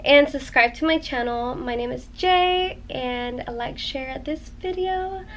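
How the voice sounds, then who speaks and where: A woman's voice: high-pitched, slow pace, rough recording. A pregnant woman in her twenties chatting casually to her vlog viewers, rambling with lots of "um" and "like". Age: 20s. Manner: rambling, many "um" and "like". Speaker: vlogger. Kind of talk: casual chat to camera.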